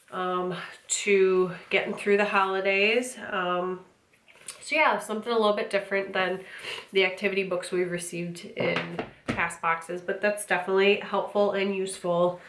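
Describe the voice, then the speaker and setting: A woman's voice: medium pitch, fairly even intonation, moderate pace, fairly bright tone. An American woman with a wheezy, congested, out-of-breath voice chats casually as she hosts an unboxing review. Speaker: host of an unboxing channel. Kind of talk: casual chat, product review. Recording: roomy echo, clear background noise.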